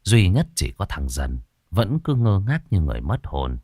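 Low-voiced man narrating a ghost story. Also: normal speed, husky, dry recording, studio quality. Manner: dramatic, expressive storytelling. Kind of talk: scripted horror narration.

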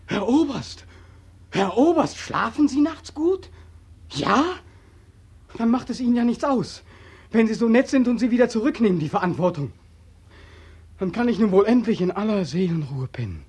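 An actor playing a bitter, sleepless young soldier back from war, in 1940s radio drama style, speaking intensely and accusingly with a husky voice. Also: male voice, sits high, expressive, brisk. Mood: bitter, rising. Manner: intense, accusing, swings from hushed to loud. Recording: old radio drama recording.

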